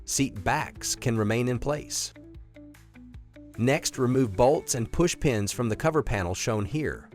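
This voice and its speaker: As the narrator of an installation video, a man reads scripted instructions in a clear, methodical, step-by-step way. His mid-range voice is expressive and unhurried, over soft background music.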